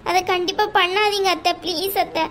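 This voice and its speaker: A woman's voice: very high voice, steady tone, brisk, a bit bright, a little hiss or hum. A woman voicing a young, newly married wife who pleads tearfully with her mother-in-law in an amateur audio drama. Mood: pleading.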